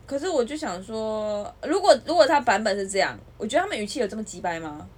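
Husky, animated woman ranting. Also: on the high side, quick pace. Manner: animated ranting, mimics others. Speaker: podcast co-host. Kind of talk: casual chat.

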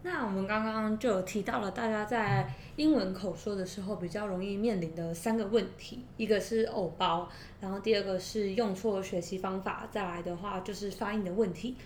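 A woman's voice: brisk, hardly any pauses. Female co-host, Taiwanese accent, mid-range voice, chatty step-by-step explainer, roomy echo on the recording. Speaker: podcast co-host. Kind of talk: conversational educational discussion. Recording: roomy echo, faint noise and rumble.

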